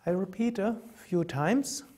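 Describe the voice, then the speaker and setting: A man explaining and slowly chanting a mantra as a yoga teacher, calm and measured. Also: high-pitched, husky. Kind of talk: mantra instruction.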